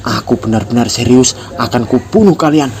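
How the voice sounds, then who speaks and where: A man voicing a blunt, tough high school boy who was once a gangster, speaking in a curt, scornful and threatening way. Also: fairly even intonation, moderate pace, a little mellow, close to an everyday voice. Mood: loud threatening.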